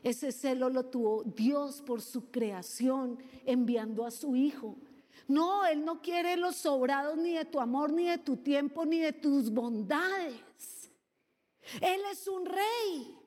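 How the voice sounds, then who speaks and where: A woman preaching a sermon, animated and playful, with lively asides and mimicry. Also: sits high, slow, in a large hall.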